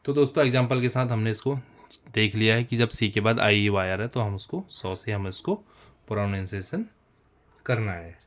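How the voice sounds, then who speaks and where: A man's voice: lowish voice, normal speed. A man teaching a basic English spelling lesson, explaining step by step, repeating himself and calling his viewers friends. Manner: repetitive, addresses viewers as friends. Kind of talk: explanatory lesson with writing on board.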